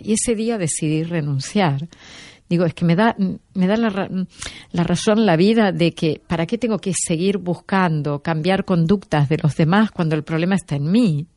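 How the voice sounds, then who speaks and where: Woman, lowish voice, dry close sound, lively storyteller who acts out dialogue. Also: moderate pace, no echo. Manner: animated, acts out quoted dialogue. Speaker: guest expert. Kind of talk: conversational storytelling.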